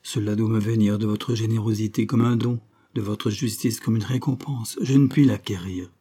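A man portrays a courteous young doctor speaking with earnest formality. His voice sounds warm and slightly breathy. It is an audiobook reading. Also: lowish voice, fairly even intonation, normal speed.

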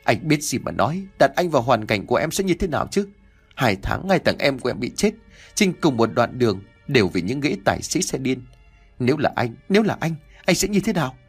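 Grieving young cop yelling and crying, husky and cracking, a guy doing him. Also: medium pitch, very animated, quick pace, few pauses, faint music behind, voice pushed up. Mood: anguished. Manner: shouting through sobs. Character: grief-stricken young man, investigator, raging.

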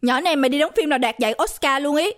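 A sharp-tongued young woman sneering at a rival in a spoken ghost story, voiced by a woman narrator. Her voice is high and clipped, blunt and dismissive. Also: racing. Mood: scornful.

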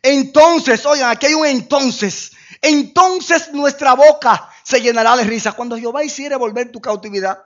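A male pastor preaching a sermon, swinging between shouted declarations and low, hushed storytelling. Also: normal speed, muffled recording.

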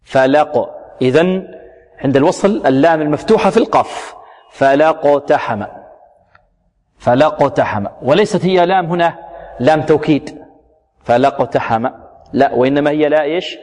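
Male Quran recitation teacher, fairly high voice, drawn-out demonstrations, quick corrections, long hall echo. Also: a little mellow. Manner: slow, drawn-out demonstrations of each word, then quick corrections; asks questions of the students and answers them himself. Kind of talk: tajweed lesson with recited examples.

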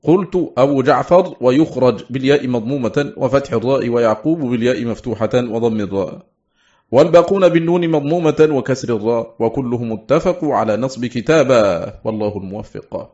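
A man reading a scholarly text aloud in a steady, deliberate way, chanting some quoted verse words. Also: mid-range voice. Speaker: audiobook reader. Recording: slightly dull lo-fi recording.

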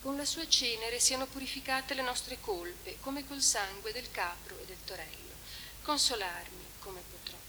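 Woman, higher voice, conference lecture, measured reading, reverberant hall, faint tape hiss. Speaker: conference speaker. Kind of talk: academic lecture with read-aloud translation. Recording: echoey hall recording with hiss.

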